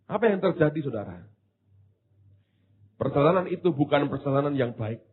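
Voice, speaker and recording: A man preaching a sermon, swinging from hushed asides to loud exclamations, with casual slang jokes. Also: fairly high pitch, animated, moderate pace, husky. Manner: drops into casual Javanese-flavoured slang for humour. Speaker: pastor. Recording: tinny phone-like sound.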